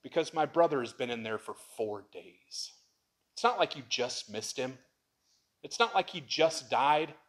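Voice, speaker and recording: Here a pastor speaks a little slowly, his medium pitch carried by lively intonation. His sermon is mostly conversational but climbs to loud, fervent lines as he reads scripture and pleads.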